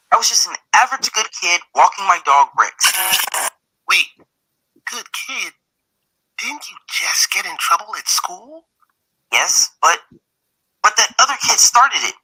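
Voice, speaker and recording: Cartoon kid superhero, sassy and expressive, super bright voice. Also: mid-range voice, breathy edge, heavily acted, rough recording. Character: boy superhero narrating his cartoon trailer. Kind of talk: animated trailer voice acting.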